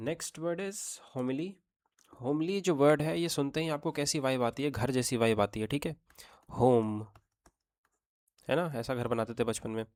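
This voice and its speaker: Man, chatty exam-prep teacher, mid-pitched voice, keeps checking in. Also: darkish tone. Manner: chatty teaching in Hindi mixed with English terms; checks in with rhetorical "theek hai?". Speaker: vocabulary teacher. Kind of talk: online exam-prep lesson.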